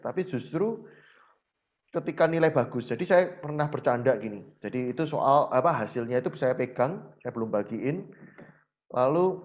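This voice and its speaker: A man's voice: mid-range voice, lo-fi sound. Man with speech, storytelling teacher. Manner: lively storyteller who often acts out dialogues. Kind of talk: conversational interview storytelling.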